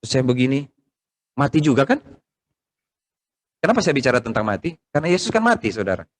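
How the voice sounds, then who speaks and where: A middle-aged man, preaching a conversational sermon and asking the congregation questions, loud emphatic bursts giving way to quiet asides. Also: sing-song, quick pace. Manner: swings between loud rising emphasis and quiet low asides. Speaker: pastor. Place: church service hall, streamed online.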